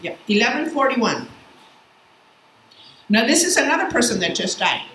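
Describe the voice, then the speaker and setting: A woman teaching a Bible class in a casual, lively way, asking her students questions as she goes. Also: on the high side, moderate pace. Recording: echoey room, faint background noise.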